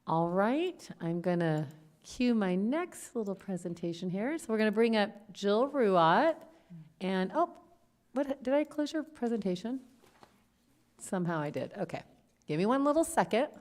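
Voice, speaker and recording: A woman's voice: mid-range voice, big pitch swings, normal speed, darkish tone. A woman on city parks staff, presenting at a public meeting in a casual, chatty way and often restarting sentences. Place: city council meeting room.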